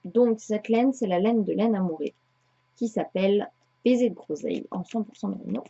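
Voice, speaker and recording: A woman's voice: medium pitch, moderate pace, gravelly, dark tone, husky. A woman in her thirties chatting casually to viewers about her knitting and sewing projects, rambling with many hesitations. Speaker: knitting podcaster. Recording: dull lo-fi home recording.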